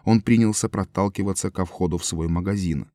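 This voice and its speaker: Deep dark voiced guy narrating a story, dry close sound. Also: no echo. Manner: measured, even storytelling. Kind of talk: audiobook narration.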